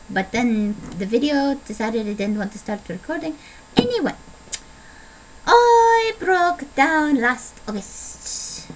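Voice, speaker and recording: A young adult woman rambles playfully through a casual video diary, putting on an Italian accent and poking fun at herself. Her voice is high-pitched, and the low-quality recording carries a little background noise.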